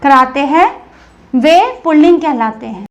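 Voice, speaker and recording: A woman's voice: high-pitched, measured pace, low-quality recording. A woman school teacher giving a grammar lesson to children, patiently asking questions and answering them herself.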